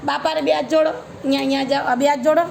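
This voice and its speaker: A woman's voice: high voice, steady tone, quick pace, vocal fry, darkish tone, a little hiss or hum, low-quality recording. Coaxing woman giving commands. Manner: coaxing, directive, repeats short commands. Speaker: family member guiding a child's worship. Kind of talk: home ritual instruction.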